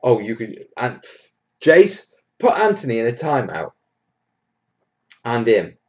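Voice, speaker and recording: The host of a hobby livestream, a Welshman, fields viewer questions in a casual Q&A, jokey, blunt and matey. His mid-range voice is very animated yet slow-paced. The audio has its highs cut off.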